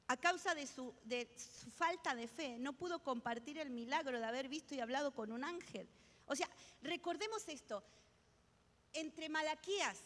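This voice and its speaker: A woman's voice: sits high, fairly bright tone, in a large hall. A woman pastor preaching a sermon, emphatic and repetitive, often restarting her words. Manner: emphatic, repeats key phrases, many restarts.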